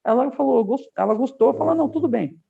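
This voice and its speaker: Gravelly-voiced man telling stories over a tinny line. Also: very high-pitched, quick pace. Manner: animated storyteller, acts out quoted dialogue. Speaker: podcast guest, aviation professional. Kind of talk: casual interview storytelling.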